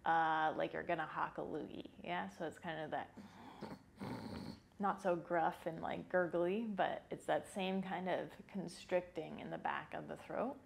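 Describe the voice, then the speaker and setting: A woman, around her thirties, calmly guides a yoga breathing exercise in an informal, unhurried way, speaking indoors into a lapel mic. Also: deep voice, gravelly, slight background noise. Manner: calm, unhurried, informal instruction. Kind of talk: guided follow-along breathing lesson. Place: small indoor yoga room. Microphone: lapel microphone.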